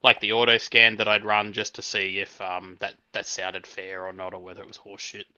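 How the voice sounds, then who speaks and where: Bright-voiced joking player, lo-fi call. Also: male voice, lowish voice, level tone, a little fast, no echo. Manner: joking, hesitant with many ums. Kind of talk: casual banter at a tabletop game. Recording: dull lo-fi call audio.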